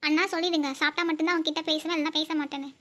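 A woman's voice: sits high, level tone, rapid-fire, fairly bright tone. A woman voicing a bossy, quarrelsome young woman who scolds and bickers in a cartoon. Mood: grumbling. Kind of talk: cartoon voice acting.

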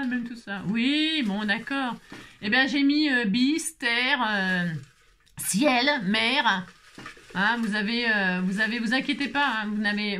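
A woman from France chats away to her crafting viewers, rambling and teasing herself as she goes. Her voice is bright and forward and sits a little high, and she slips into humming and bits of song now and then. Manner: chatty, rambling, self-mocking, hums and sings snatches. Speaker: craft channel host. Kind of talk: casual chat to viewers.

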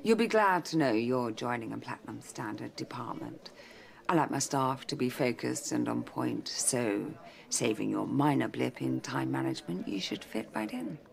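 A woman's voice: a bass voice, lively intonation, moderate pace, creaky, heavily acted. A woman playing a stern, exacting senior doctor in a medical drama, clipped, authoritative and coolly sarcastic. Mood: cool, brisk. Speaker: emergency department consultant. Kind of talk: filmed medical drama acting.

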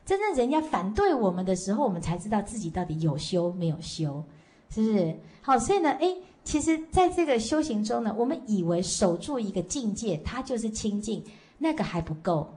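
Buddhist woman teacher giving a lively lecture. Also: medium pitch. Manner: storytelling with frequent "好" and "哦" tags; slow measured chanting leader at the close. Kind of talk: dharma lecture to a class.

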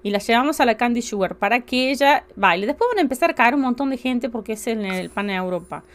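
A woman's voice: fairly high pitch, fast talker. Chatty Argentine woman streamer. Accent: Argentine Spanish. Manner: chatty, bursts into loud excited exclamations. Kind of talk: casual live-stream chat while playing. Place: home.

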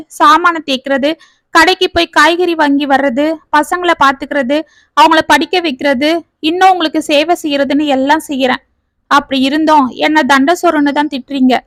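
A woman's voice: high voice, fairly bright tone, no echo. A woman voicing a hurt, aggrieved housewife. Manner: aggrieved, pleading, listing complaints. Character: hurt, resentful housewife writing a farewell letter. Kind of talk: storybook reading.

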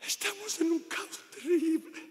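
High-voiced impassioned man preaching in a hall. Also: unhurried. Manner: impassioned, builds to shouted repeated phrases. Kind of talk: sermon. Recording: long hall reverb with faint music.

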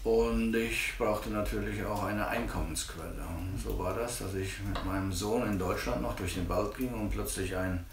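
A man in his fifties with a German accent gives steady, plain answers in a low, gravelly voice. He sits back from the camera in a living room, so the sound is roomy and distant, with a faint hiss underneath. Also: moderate pace, hardly any pauses, crowd noise. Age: 50s. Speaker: interviewee, sawmill operator. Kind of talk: casual interview. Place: living room by a tiled stove.

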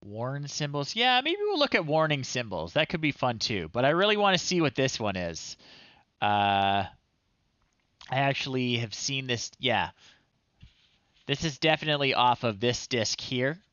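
A livestream host in his thirties tries out old software in a small home room, casually commenting, thinking aloud and muttering in short bursts. His medium-pitched voice is sing-song and sharp at a moderate pace. There's no room sound, but the recording is muffled.

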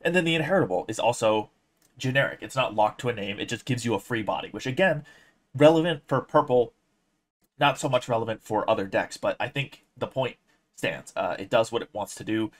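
A young adult man with a mid-range voice offers casual, opinionated commentary on a card game, laying out his points in a measured way.

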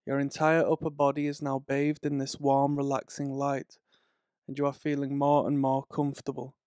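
Smooth, soothing man guiding hypnosis. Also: medium pitch, monotone, darkish tone, no room sound, studio quality. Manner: slow, soothing, measured delivery. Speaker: hypnosis guide. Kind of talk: guided relaxation hypnosis script.

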